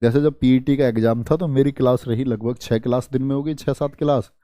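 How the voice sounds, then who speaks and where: Soft-spoken male history tutor, dry sound. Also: medium pitch, fairly even intonation, brisk, dry recording. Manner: speaks softly on purpose to spare his throat; drills facts with repeated questions and mnemonics. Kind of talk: online exam-prep history lesson.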